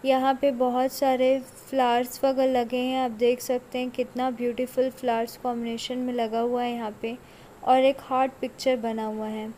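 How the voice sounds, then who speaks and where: A woman's voice: fairly high pitch, level tone, normal speed, warm tone, a little hiss or hum, poor audio. A young woman vlogger giving a casual walking tour of a large indoor mall, filming on a handheld phone and pointing things out again and again.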